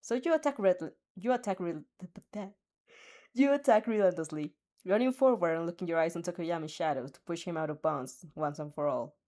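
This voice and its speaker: A woman with a fairly low, warm voice reads a second-person fan story aloud at a normal speed. She keeps stumbling over words, restarting lines and giggling as she goes.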